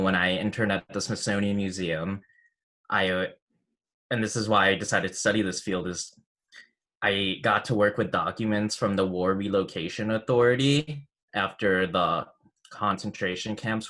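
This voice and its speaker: A man's voice: on the low side, pushed and bright. A man in his twenties, a graduate student, giving a casual acceptance speech over a video call, peppered with "like". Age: 20s. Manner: casual, fluent, many likes. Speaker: graduate student, scholarship recipient.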